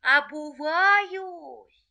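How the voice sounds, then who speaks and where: A woman voicing a boastful vixen who hurls drawn-out, menacing threats. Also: sits high, vocal fry, pushed and bright, pitched above the performer's own voice, full character voice.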